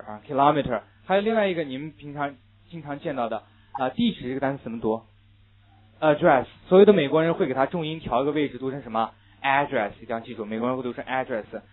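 A Chinese-speaking man teaching English pronunciation in a lecture, asking questions and answering them himself. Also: mid-range voice. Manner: drills pronunciation, asks and answers own questions. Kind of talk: classroom lecture. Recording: tinny phone-like lecture recording.

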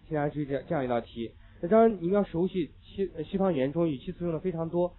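Brisk, emphatic male English teacher, tinny sound. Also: fairly high pitch, animated. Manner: emphatic, repeats key points, joking asides. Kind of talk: classroom lecture. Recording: tinny lo-fi phone-like recording.

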